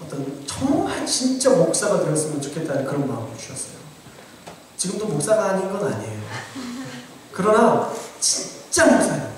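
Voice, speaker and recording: A man preaching in a high, light voice, earnestly exhorting his listeners. His sermon is caught from a distance in a very echoey church room, with a faint hum behind it. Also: big pitch swings, normal speed. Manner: earnest, exhorting, addresses congregation directly. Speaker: pastor. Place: church sanctuary.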